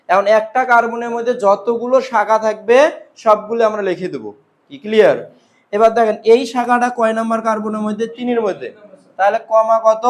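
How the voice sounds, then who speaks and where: High-voiced male chemistry teacher. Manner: drills students with repeated questions and answers. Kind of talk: classroom lecture with call-and-response questions. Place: classroom.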